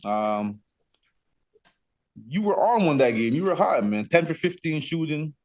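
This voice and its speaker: A man hosting a podcast interview, relaxed and casual, often giving short affirmations. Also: on the high side, measured pace. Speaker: podcast host.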